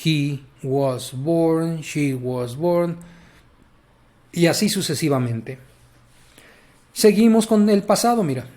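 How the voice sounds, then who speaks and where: Mexican male teacher, slightly high voice, patient and repetitive grammar explainer. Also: slow, long pauses, dark tone. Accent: Mexican Spanish. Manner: patient, repetitive, addresses the listener directly. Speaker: English teacher.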